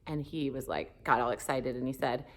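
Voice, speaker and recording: A woman in her forties from the Southern United States, a pastor speaking candidly in an interview, thoughtful and animated with many fillers. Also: rumbling low, normal speed. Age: 40s. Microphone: phone camera.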